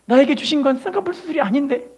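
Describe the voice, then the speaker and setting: A woman's voice: sits high, animated, quick pace, darkish tone, highs cut off, pitched above the performer's own voice. Woman voicing an earnest young singer.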